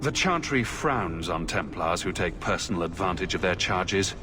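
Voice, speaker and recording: A man's voice: low-pitched, animated, normal speed, noisy background. A man playing a wry, self-assured adventurer in a video game, with a dry, sarcastic delivery.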